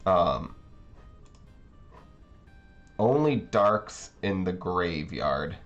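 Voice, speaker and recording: This low-voiced card game channel host is very animated yet extremely slow as he casually narrates his matches, thinking out loud and justifying his plays. His voice sounds a bit congested, and the slightly dull recording carries faint background music.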